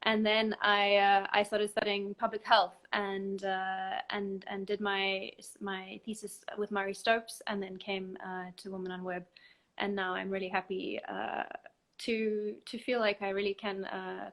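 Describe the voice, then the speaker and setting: A woman, a guest counsellor explaining procedures calmly and step by step in a live online chat. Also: medium pitch, unhurried. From South Africa. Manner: calm, methodical step-by-step explaining. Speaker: abortion help desk counsellor, guest expert.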